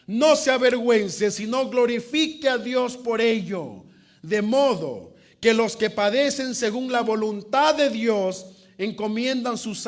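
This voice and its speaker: A man preaching an evangelistic sermon as pastor, dramatic, asking the congregation questions. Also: very high voice. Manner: dramatic, asks the congregation questions and acts out quotes. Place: church.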